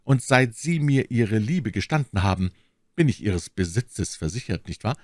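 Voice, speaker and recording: A man's voice: on the low side, big pitch swings, moderate pace, darkish tone, no echo, studio quality, voice pushed up. Man voicing an eager young swordsman. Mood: earnest, courtly. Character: gallant young male swordsman, eager and flattering.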